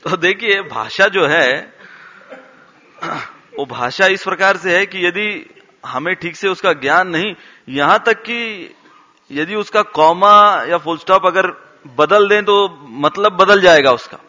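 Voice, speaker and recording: A man gives a slow, unhurried devotional talk in a bright, forceful voice, pitched a little high for a man. He tells stories with animation and acts out what his characters say. The sound is dull and lo-fi, with a long hall reverb around it. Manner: animated storyteller, acts out quotes and laughs along. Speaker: temple speaker.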